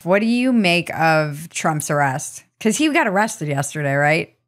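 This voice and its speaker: A woman's voice: sits low, animated, unhurried. A woman hosting a podcast, chatting loosely and laughing easily as she tells stories. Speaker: podcast host. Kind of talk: casual podcast conversation.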